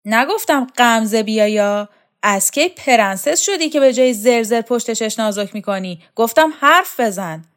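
Harsh domineering woman, high and loud, contemptuous scolding, read by a woman narrator. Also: few pauses, lightly acted. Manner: shrill, loud, insulting.

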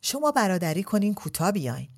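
A woman's voice: medium pitch, sing-song, a little mellow, breathy edge, voice pushed up. A woman voicing a chatty, anxious middle-aged sister who tries to make peace, pleading in homely exclamations in a storybook reading. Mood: pleading, coaxing.

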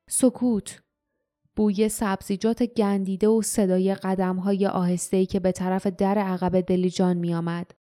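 A woman reading an audiobook aloud in calm, measured narration. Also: medium pitch, no echo, clean studio sound.

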